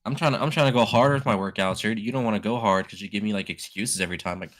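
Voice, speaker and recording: Casual male co-host, low pitch with a bright edge, rambling live banter. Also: rapid-fire. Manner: relaxed, rambling, loose storytelling with fillers. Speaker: co-host watching a race. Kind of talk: casual live race-watching chat.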